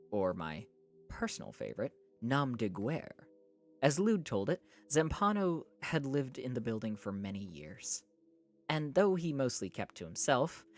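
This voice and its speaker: Streamer, live book reading, animated pitch, snaps back at chat, reads narration low and slow. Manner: argues back at chat in exasperated bursts.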